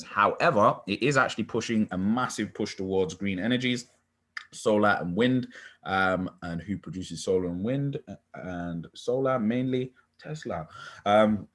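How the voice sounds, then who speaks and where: A man's voice: low-pitched, fairly bright tone. A British man hosting a finance channel, chatting casually about investing and reeling off long lists of company names. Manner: rattles off long lists, laid-back and chatty.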